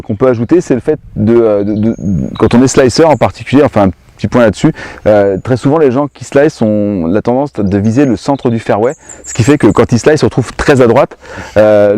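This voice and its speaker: A man's voice: mid-range voice, mellow, dry recording. A man hosting a golf lesson, talking in a casual, hesitant, explanatory way. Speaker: golf course host. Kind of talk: casual instructional chat.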